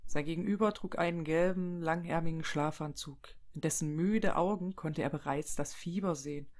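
A calm narrator reads a story aloud, steady and even, at a middle pitch. The narration sets the scenes and carries the voiced dialogue. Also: normal speed. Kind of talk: reading a fan story aloud.

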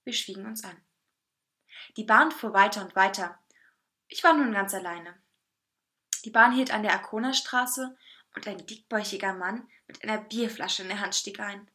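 A woman reading a first-person story aloud in a lively, playful way. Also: mid-range voice, moderate pace, long pauses. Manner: lively, playful narration with voices.

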